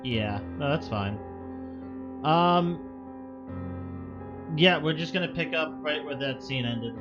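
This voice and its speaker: A fairly high-voiced man serves as game master in casual tabletop chat. His voice comes through a dull online call, with clear music behind him. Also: slow pace.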